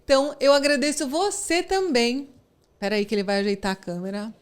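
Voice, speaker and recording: A woman's voice: high-pitched, fairly quick, smooth. A Brazilian woman hosting a podcast in a casual, effusive and thankful way. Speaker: podcast host.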